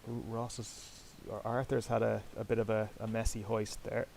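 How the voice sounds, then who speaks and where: A man's voice: fairly low pitch, level tone, moderate pace, creaky, darkish tone, a little hiss or hum, poor audio. A man hosting and commentating online sailing races, chatty and self-deprecating, talking directly to his viewers. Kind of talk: live commentary over a sailing game.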